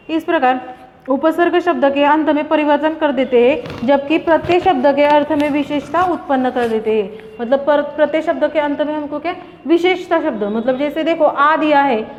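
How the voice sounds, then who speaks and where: A woman teaches a grammar lesson with a high voice. She works slowly through the material and repeats each example word as she explains it. The recording sounds dull and muffled, with a long reverb trailing after her words. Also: a little hiss or hum. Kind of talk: classroom lesson.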